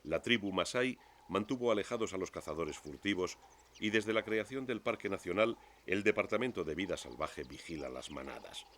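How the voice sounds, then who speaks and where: A man narrates a scripted nature documentary in a measured, expository storytelling manner. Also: deep voice, expressive, fairly bright tone, a little hiss or hum.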